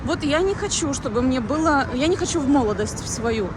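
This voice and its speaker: A woman in her thirties chats through a casual vlog outdoors, musing and rambling with lots of fillers. Her voice sits a little high. Clear traffic noise from the city street runs behind her. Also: expressive, a little fast. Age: 30s. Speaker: vlogger. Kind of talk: casual walking vlog chat.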